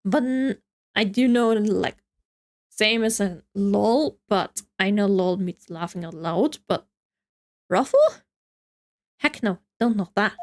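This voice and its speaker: A woman's voice: medium pitch, slow, long pauses. A woman streaming a video game, talking casually and thinking aloud, puzzled and laughing at herself.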